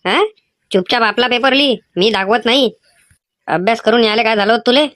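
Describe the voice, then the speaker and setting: Lightly acted and recorded in a clean studio with no echo, this woman's slightly fast, fairly bright, high-leaning voice plays a mischievous schoolboy. In a Vidarbha Marathi accent, the animated character whines and pleads while trying to cheat on an exam.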